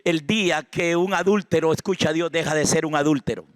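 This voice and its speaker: A man preaching a sermon with a Costa Rican accent, swinging from hushed prayer to loud exhortation. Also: fairly high pitch, a little fast, no echo, studio quality. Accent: Costa Rican Spanish. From Costa Rica. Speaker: pastor. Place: church sanctuary.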